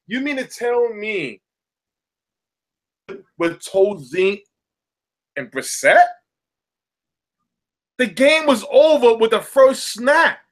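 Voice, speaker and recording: Man, Southern US accent, sports podcast co-host, animated rants, high pitched. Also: slow, pauses often. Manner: animated, preachy rants with repeated words. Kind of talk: casual sports podcast chat.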